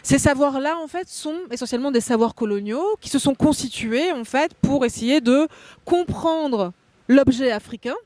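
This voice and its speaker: This guest philosopher, a woman born in Belgium and brought up in France, talks at normal speed in a high voice with a darkish tone. The recording is dry, made in a hotel meeting room for a cultural talk show. She is articulate and academic, explaining concepts at length.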